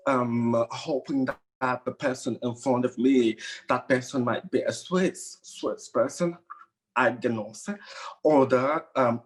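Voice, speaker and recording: A man's voice: medium pitch, poor audio. Hesitant man from Cameroon, author guest. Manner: hesitant, many fillers and restarts, laughs easily. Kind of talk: conversational interview answers.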